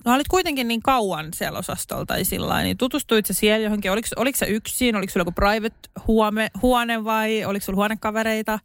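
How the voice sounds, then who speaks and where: A woman co-hosts in casual chat, sympathetic and quick to ask questions. The recording is dry and close. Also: medium pitch, dry recording. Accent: Finnish. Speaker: podcast co-host.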